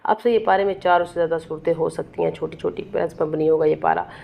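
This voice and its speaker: Woman, middle-aged, earnest preacher giving a lecture; low mellow voice with a gravelly edge. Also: fairly even intonation, quick pace. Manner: earnest, exhorting, rhetorical questions. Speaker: Quran lecturer. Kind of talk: religious lecture summary.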